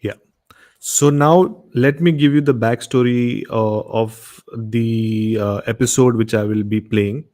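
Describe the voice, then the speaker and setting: An Indian-accented man from Goa hosts a late-night horror radio show, speaking slowly and deliberately in a steady, darkish mid-range voice. His casual, unscripted introductions use repetitive, emphatic phrasing, circling back over phrases to stress them.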